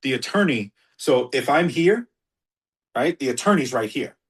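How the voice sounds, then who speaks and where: Ex-cop guest telling war stories with voices, a bit husky, mid pitch. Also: male voice, expressive, moderate pace. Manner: tells stories with acted-out quoted dialogue. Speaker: former police officer. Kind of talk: casual storytelling interview.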